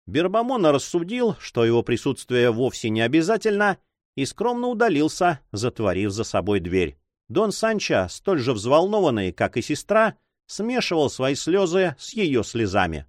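Expressive man narrating a novel. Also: on the high side, normal speed, no echo, studio quality. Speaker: audiobook reader. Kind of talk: scripted narration.

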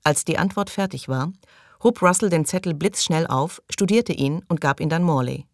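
A woman narrating a novel as an audiobook in a steady, even reading style. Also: low-pitched, normal speed, no room sound, clean studio sound. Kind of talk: scripted narration.

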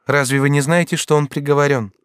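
A man's voice: a little high, fairly even intonation, clean tone, dry recording, studio quality, voice pushed up, natural voice. A man voicing a resolute, grave young woman in an audiobook, speaking firmly and earnestly. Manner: firm, earnest, measured.

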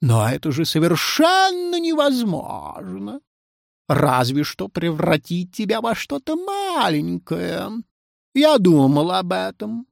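A storyteller voicing a male cat who runs a fairy-tale school, melancholy and theatrical in a measured, dry delivery. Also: medium pitch, wildly swooping pitch, vocal fry, dry recording, pitched above the performer's own voice, full character voice. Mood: stern. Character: pompous male cat deputy head in pince-nez.

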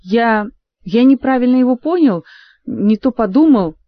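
An uncertain young man, done by a woman narrator speaks haltingly. The audiobook sound is dry and dull. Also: a little high, animated, no echo, pitched above the performer's own voice, close to an everyday voice. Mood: hesitant. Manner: hesitant. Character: hesitant young man, unsure and apologetic.

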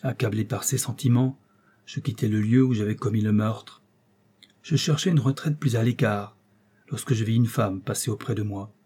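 A man reading an audiobook aloud in steady, even scripted narration. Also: lowish voice, moderate pace, husky. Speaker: audiobook reader.

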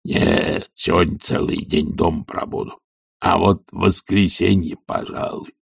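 A man voicing a lazy, stubborn old servant who grumbles slowly and sullenly in an audiobook. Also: low voice, gravelly, slightly rough, no room sound, clean studio sound, distant mic, heavily acted. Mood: grumbling. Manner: slow, sullen, mumbling. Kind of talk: audiobook character reading.

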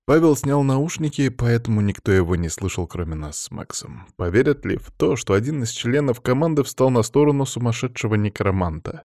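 A man narrating a fantasy audiobook in the first person with steady, measured storytelling. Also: mid-range voice, no room sound, clean studio sound.

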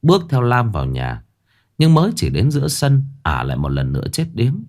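A man narrating a dramatic ghost story in an expressive way. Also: mid-range voice, fairly quick.

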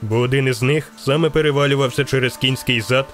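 A man's voice: medium pitch, fairly even intonation, fast, fairly bright tone, soft background music. A man narrating an audiobook in a dramatic storytelling manner.

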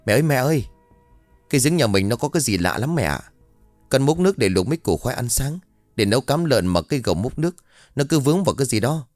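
A man's voice: medium pitch, sing-song, darkish tone, no echo, faint music behind, voice pushed up, natural voice. A man voicing a flustered young son who hurriedly calls for his mother in a spoken ghost story. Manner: urgent, rushed.

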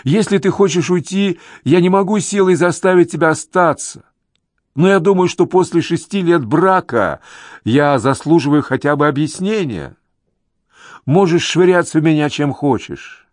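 A man voicing a desperate husband pleading loudly with his wife in an audiobook. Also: on the high side, normal speed, dry recording, studio quality, voice pushed up, natural voice. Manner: pleading, shouting.

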